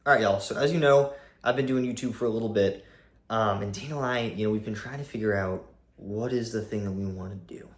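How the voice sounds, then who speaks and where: A young man around twenty vlogging to a camera on a tripod, animated and rambling, with swearing and restarts. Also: fairly low pitch, fairly quick. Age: young adult. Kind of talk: casual talk to camera.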